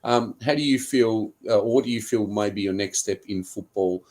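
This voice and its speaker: A man co-hosting a football talk show, asking questions in a measured, slightly hesitant way. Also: fairly low pitch, a little mellow. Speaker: co-host.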